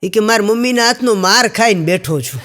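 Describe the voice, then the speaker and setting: A man's voice: expressive, brisk, background noise. A man doing stand-up, telling jokes as stories and acting out the people in them. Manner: storytelling, acting out quoted characters with raised pitch. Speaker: stand-up comedian. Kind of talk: Gujarati joke telling to an audience. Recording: long hall reverb.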